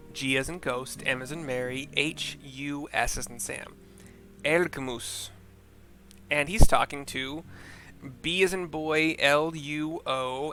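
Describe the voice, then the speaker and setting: Over background music, a man casually comments on a video game as he plays, reading the story aloud and muttering asides. His mid-range voice sounds pushed and bright, and he spells out names along the way.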